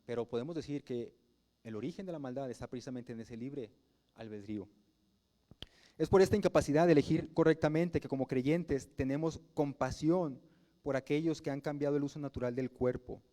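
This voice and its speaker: A Mexican pastor delivers his sermon in a relaxed, conversational style. His voice is warm and mellow but sits a little high for a man. He keeps turning to the congregation with rhetorical questions.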